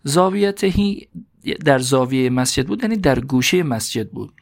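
A man teaching a slow, deliberate grammar lesson, parsing a classical text word by word. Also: mid-range voice, lively intonation, gravelly. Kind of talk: seminary-style grammar lesson.

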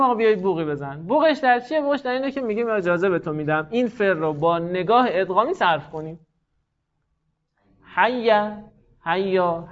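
A man with a fairly high voice gives a classroom lecture. He explains playfully, bringing rules to life as bickering characters and throwing in jokes. The recording sounds a little dull and lo-fi. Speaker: teacher.

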